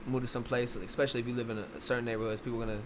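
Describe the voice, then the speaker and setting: Young man from Philadelphia, boxing coach guest; quick, rambling, loose and casual delivery. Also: mid-range voice, little pitch movement, background noise. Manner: fast, rambling, many restarts. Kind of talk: casual interview chat.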